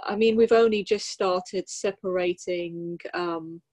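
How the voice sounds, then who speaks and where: A woman talking casually on a podcast, thoughtful and wry, often pausing with ums. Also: fairly low pitch, steady tone, darkish tone. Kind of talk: casual chat.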